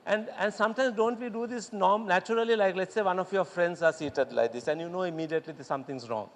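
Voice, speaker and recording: A man giving a lively workshop talk to doctors, acting out quotes and laughing often. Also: high voice, fast talker. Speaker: speaker at a medical congress workshop. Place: lecture hall. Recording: echoey hall with long reverb.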